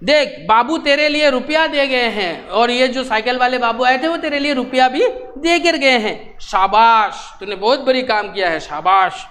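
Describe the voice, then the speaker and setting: A man voicing a poor, loving mother who coaxes her son gently in a read-aloud story. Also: very high voice, moderate pace, hardly any pauses. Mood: tender. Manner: soothing, coaxing.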